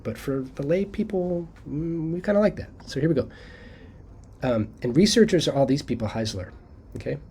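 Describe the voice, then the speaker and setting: In a casual screen-share lecture, a man teaches college students how to quote sources, talking conversationally and often checking in with "okay?". He thinks aloud with fillers and restarts, and his mid-range, dark voice comes with a little hiss or hum.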